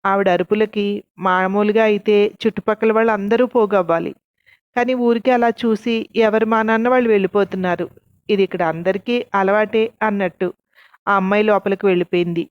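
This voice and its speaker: A woman's voice: medium pitch, fairly even intonation, brisk, no room sound. A woman narrating a story and reading the characters' lines herself with light voicing. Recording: dull, dry lo-fi sound.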